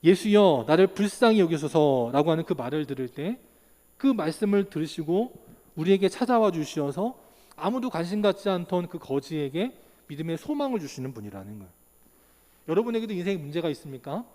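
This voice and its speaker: A male pastor in his thirties delivers a sermon with a high, lively voice that rises and falls widely. He asks his listeners questions and acts out the people in his stories. His voice rings out in the long reverb of a church hall. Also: fairly quick. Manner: animated preaching, acts out quotes, rhetorical questions. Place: church sanctuary.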